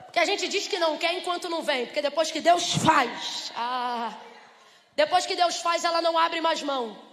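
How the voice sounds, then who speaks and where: A Brazilian woman preaching a lively church sermon, asking the congregation rhetorical questions and acting out little scenes. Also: very high-pitched, normal speed. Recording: reverberant church hall.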